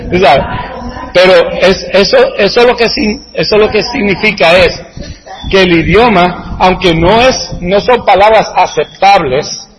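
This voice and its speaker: A man with a high, fairly bright voice hosts a casual chat at a slow pace, rambling, chuckling and asking rhetorical questions as he answers viewer comments. The room is echoey, with long reverb.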